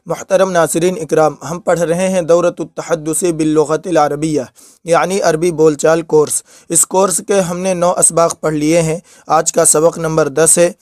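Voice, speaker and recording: A man's voice: on the high side, flat delivery, a little mellow, no echo. Man teaching in a dry room. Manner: repeats each example slowly. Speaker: Arabic teacher. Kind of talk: lesson.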